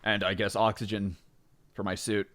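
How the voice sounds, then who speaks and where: This let's play commentary comes from a man speaking at normal speed who wanders from thought to thought. Fillers and self-interruptions pepper his talk, and excitement sends his pitch upward.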